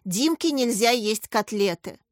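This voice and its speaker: A woman voicing an excitable young schoolboy who exclaims shrilly and hopefully. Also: fairly high pitch, unhurried, dry recording, studio quality. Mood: excited.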